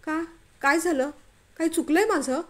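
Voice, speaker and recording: A frightened, honest young office clerk pleading his innocence in a storybook reading, as a woman narrator acts him out. The voice is raised high and anxious, with a pleading manner. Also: normal speed. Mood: panicked pleading.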